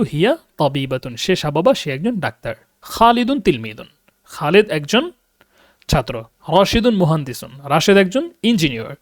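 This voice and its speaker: A man teaching a beginners' language class online, explaining patiently, reading example sentences slowly and translating each one, often asking if students follow. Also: a little high, no echo, studio quality. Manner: explains patiently, checks understanding with questions. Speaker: Arabic teacher.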